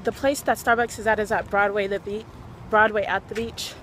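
A woman's voice: medium pitch, little pitch movement, a little fast, fairly bright tone, a little hiss or hum. A young woman talking casually to the camera in a vlog, chatty and rambling with fillers. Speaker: vlogger.

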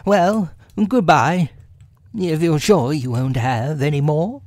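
A performer voicing a brisk, stern, self-important male rabbit in a storybook, prim and matter-of-fact. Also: mid-range voice, a little mellow, dry recording, pitched above the performer's own voice, natural voice. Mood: polite.

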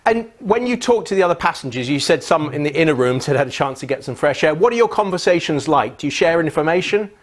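A man presenting live TV news from a studio, asking brisk, polite questions. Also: a little high, expressive.

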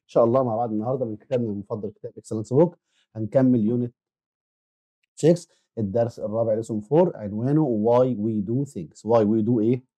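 A male English teacher with an Egyptian Arabic accent runs a children's lesson at a rapid clip. His voice is dark and mellow. He drills vocabulary, waits for the pupils to repeat, and keeps tossing questions at them. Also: mid-range voice. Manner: quick, repeats words for pupils to echo and asks them questions. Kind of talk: classroom lesson explanation.

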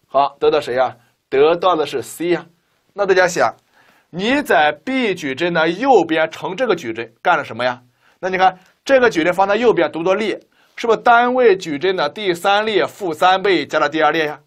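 A man's voice: sits high, animated, moderate pace, fairly bright tone. A man teaching a linear algebra lecture, walking students through each step with rhetorical questions. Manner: keeps asking rhetorical questions, talks students through steps. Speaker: math teacher.

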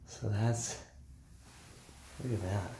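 An American man around forty, a vlogger, holds his phone at arm's length for a casual, enthusiastic tour of a workshop, admiring it informally. His voice is lowish, steady in tone and slow. He's mostly inside an empty, unfinished workshop building, and the recording echoes off the bare room, with background noise clearly audible.

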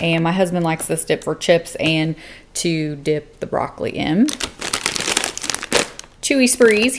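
A woman with a fairly low speaking voice talks through her groceries in a relaxed, chatty way, often pausing with an um. She is recorded at a home kitchen counter with a camera held overhead, and a faint hiss sits behind her voice. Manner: relaxed, chatty, frequent ums. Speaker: vlogger showing a grocery haul. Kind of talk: casual chatty narration.

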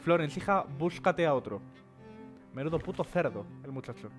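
A man from narrates his gameplay in a loose, sarcastic way, with plenty of swearing. His voice sits a little high. Faint music plays behind him. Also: lively intonation, moderate pace. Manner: joking, sarcastic, swears freely, narrates and mocks on-screen characters. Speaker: streamer. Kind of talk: casual gameplay commentary.

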